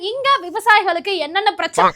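A woman acting in a comedy sketch, playing a sharp-tongued, bossy woman who scolds and orders people about. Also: very high voice, fairly quick. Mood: reporting. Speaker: comic sketch actor.

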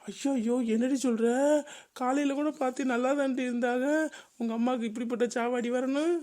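A woman's voice: high voice, fairly even intonation, fairly quick, darkish tone, close to an everyday voice. A woman voicing a greedy, gossipy neighbor in a cartoon comedy. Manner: gossipy, scheming.

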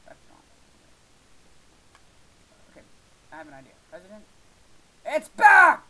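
A young man giving casual let's-play commentary, excitable and swearing, yelling at his game. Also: fairly high pitch, moderate pace, noisy background. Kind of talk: gaming commentary.

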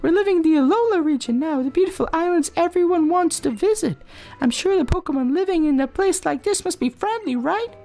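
A man reading aloud the lines of a cheerful mother welcoming her son home, in a bright, sing-song way. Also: very high voice, expressive, a little fast, soft background music, voice pushed up. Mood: cheery.

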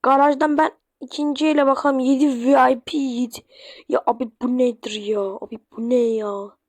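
A woman's voice: high voice, level tone, moderate pace, a little mellow, no room sound. A woman giving chatty let's-play commentary to her viewers, swearing when flustered. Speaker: gaming YouTuber. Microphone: phone screen recording.

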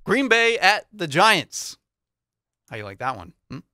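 Young man, easygoing sports podcast co-host, bright forward tone, dry studio mic. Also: high voice, very animated, measured pace, no room sound. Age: young adult. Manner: easygoing, reads out matchups with light laughs. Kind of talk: casual sports podcast chat. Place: small podcast studio with foam panels. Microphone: studio mic on boom arm, headphones.

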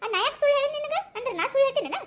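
A woman voicing a sharp-tongued, stubborn old grandmother with a North Karnataka accent, scolding in coarse village speech in a comic sketch. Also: extremely high pitch, animated, very fast, a little hiss or hum. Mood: defensive. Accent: North Karnataka Kannada.

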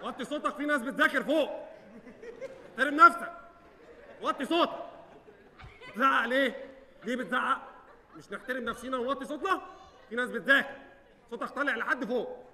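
An actor playing a fussy neighbor who keeps nagging a loud man to lower his voice in a live stage comedy. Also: fast, pauses often, exaggerated voice. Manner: nagging, chiding. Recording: hall reverb, clear crowd.

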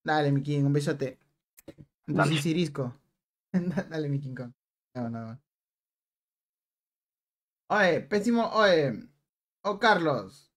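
A man's voice: a little high, takes it slowly, long pauses. A young man hosts a live game stream, chatting playfully with viewers. He teases them in a casual, joking tone and reads their messages aloud. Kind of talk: live stream chat while gaming.

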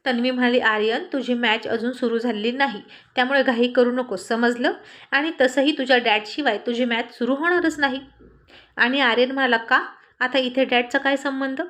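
A woman tells a family story aloud, voicing every character herself. Her voice sits a little higher than most, and she keeps the telling light and conversational. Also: steady tone, normal speed, a bit bright. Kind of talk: scripted story narration.

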